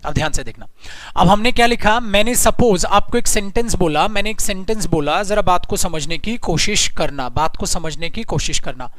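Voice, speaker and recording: A man with an Indian accent teaching English grammar online, speaking mostly Hindi, repeating his points and stretching out the example sentences slowly. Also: high-pitched, fairly bright tone, dry recording. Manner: repeats phrases, addresses students as children.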